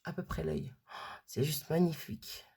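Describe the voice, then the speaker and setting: A woman's voice: low voice, steady tone, a little slow, gravelly, noisy background. A woman chatting casually as she unboxes a craft gift, gushing and repeating her delight as she goes.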